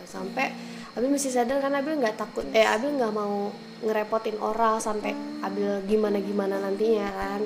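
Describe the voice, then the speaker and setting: A young woman from Indonesia chats casually on a vlog, her pitch in the middle range. She refers to herself by name and fills the gaps with quick fillers. Clear background noise runs under her voice. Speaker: vlogger. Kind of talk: casual chat.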